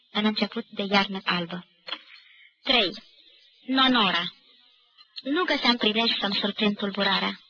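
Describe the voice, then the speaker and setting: A woman reads a literary novel aloud with a measured, clear delivery and a bright, crisp edge to her voice. The recording is muffled and slightly hissy, like a tape from an old radio archive. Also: mid-range voice. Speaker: audiobook reader.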